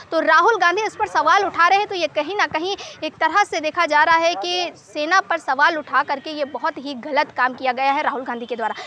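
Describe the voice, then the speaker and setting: Bright high-voiced woman reporter. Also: a little hiss or hum. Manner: brisk, asks pointed questions. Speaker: field reporter. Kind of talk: news street interview. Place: outdoors on a city street.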